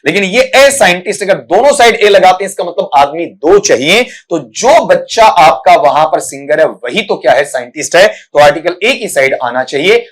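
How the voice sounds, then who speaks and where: Patient male teacher, slightly high voice. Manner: patient, explanatory, calls students "beta", frequent "thik hai" check-ins; drills pronunciation by repeating sounds one by one. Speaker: English teacher. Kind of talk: recorded exam-prep lesson.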